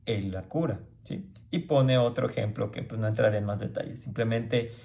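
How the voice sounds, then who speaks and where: A man's voice: fairly low pitch, normal speed, vocal fry, dark tone. A man teaching a Bible passage informally, often checking in with the listener and restarting his sentences. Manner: conversational, frequent "¿sí?" checks, restarts; acts out crowd voices in quoted lines.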